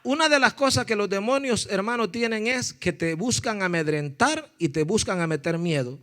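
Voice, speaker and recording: Fervent high-voiced male pastor preaching. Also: animated, moderate pace. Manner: fervent preaching, rising to shouts, then storytelling; addresses listeners as "hermano". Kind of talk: sermon.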